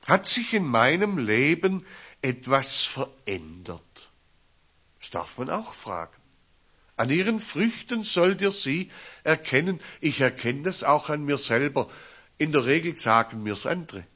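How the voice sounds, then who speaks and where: A male pastor delivers a storytelling sermon at an unhurried, deliberate pace. His voice leaps and falls in lively swings. The recording is muffled and lo-fi. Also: a little high, breathy edge. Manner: slow, deliberate, animated rises and drops. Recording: dull lo-fi recording.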